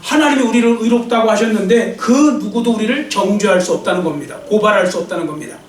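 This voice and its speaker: A male pastor in a church sanctuary preaches an earnest, exhorting sermon, leads a prayer and guides call-and-response. His voice is high-pitched and fast, heard as echoey church sound from a distant mic.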